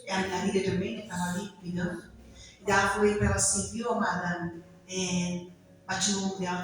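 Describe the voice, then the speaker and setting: A woman's voice: on the high side, a little hiss or hum. A woman with a Brazilian Portuguese accent giving an emotional church testimony, often breaking into praise exclamations. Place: church hall. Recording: very echoey hall, far from mic, faint music.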